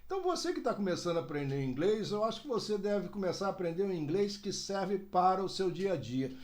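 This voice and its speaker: A man teaching an English lesson to learners, lively and direct, slowing down to model phrases. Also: high voice. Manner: addresses learners directly, frequent "né?" and "ó". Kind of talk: video language lesson.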